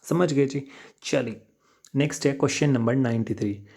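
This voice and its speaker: A man's voice: mid-range voice, moderate pace, vocal fry, a little mellow, slightly rough. A man working through exam questions as a teacher in an unscripted lesson, chatty, repeating key answers and addressing viewers directly.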